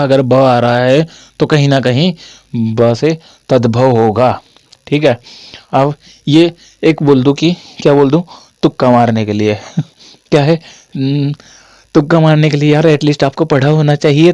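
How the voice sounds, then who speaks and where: The recording is dry and clean, with a studio feel, as a young man with a sore throat from a cold teaches Hindi grammar online. His medium-pitched voice is a little mellow, and he's chatty and repetitive, with jokey asides to students.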